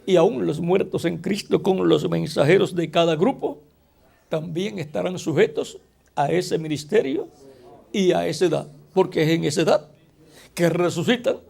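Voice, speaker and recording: Male preacher, high gravelly voice, deliberate sermon pacing. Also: a little mellow. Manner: slow, deliberate preaching with rhetorical questions to the congregation.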